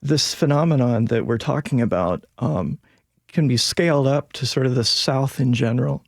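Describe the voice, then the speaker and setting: Man, Northern American accent, gravelly fry, medium pitch, explanatory panel talk, dry sound. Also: moderate pace, dry recording. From northern United States. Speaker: linguist guest.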